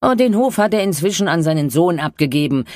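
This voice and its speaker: A woman's voice: lowish voice, very animated, fast talker, darkish tone, dry recording, clean studio sound, voice pushed up. A woman reading a story aloud, voicing a blunt, unsentimental woman who speaks curtly and matter-of-factly. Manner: matter-of-fact, curt.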